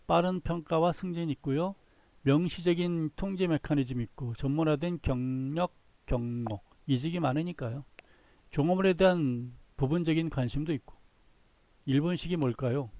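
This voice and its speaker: Male lecturer, slightly raised pitch, dry close recording, walks through slides. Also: moderate pace, a little mellow, no echo. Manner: explains slides in short phrases, repeats himself.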